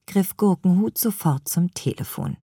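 A woman reading a children's story aloud in a gentle, lively storytelling manner. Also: fairly low pitch, moderate pace, breathy edge, no room sound, studio quality.

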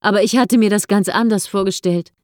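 A woman's voice: mid-range voice, steady tone, brisk, dark tone, dry recording, studio quality, pitched above the performer's own voice, natural voice. A woman voicing a vain young woman who is sobbing and dismayed, in an audiobook. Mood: upset.

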